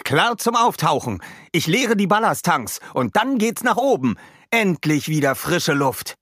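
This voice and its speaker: A man's voice: fairly high pitch, sing-song, unhurried, fairly bright tone, no room sound, studio quality, voice pushed up, full character voice. A man voicing an eager young male submarine crewman in a children's audio story, with eager calls.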